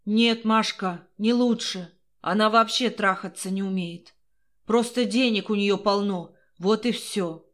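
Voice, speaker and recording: A woman reading the part of a frightened, cowardly young husband, speaking in a loud, agitated, pleading way. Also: mid-range voice, a little slow, natural voice.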